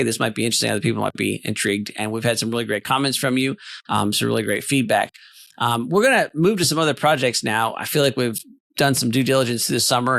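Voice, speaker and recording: A man's voice: medium pitch, creaky, a bit bright, dry recording. A man co-hosting a podcast, talking through his thoughts in a casual, rambling way with many fillers. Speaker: podcast co-host.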